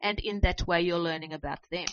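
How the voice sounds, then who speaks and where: A woman's voice: on the low side, fairly even intonation, a little fast, fairly bright tone. A woman facilitating a group discussion, speaking for the group in an encouraging way, on a muffled dry recording.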